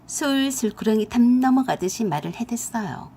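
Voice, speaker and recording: Female storyteller, husky, lively and chatty, slightly high voice. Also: normal speed. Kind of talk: dramatic story narration.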